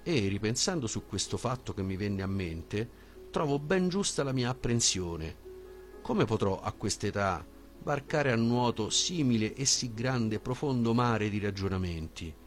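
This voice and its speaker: A man reading an aged philosopher, low. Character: old male philosopher, hesitant, reasoning.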